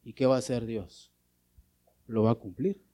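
Emphatic preacher, mellow voice. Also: male voice, medium pitch, fairly even intonation, normal speed. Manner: emphatic preaching with sudden swings in loudness, rhetorical questions; keeps addressing listeners as brother. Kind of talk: sermon.

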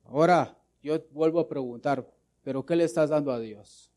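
A man's voice: on the high side, moderate pace. Man preaching a fiery sermon. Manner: preaching with rhetorical questions and repetition; swings between loud emphatic bursts and quiet asides. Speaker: pastor.

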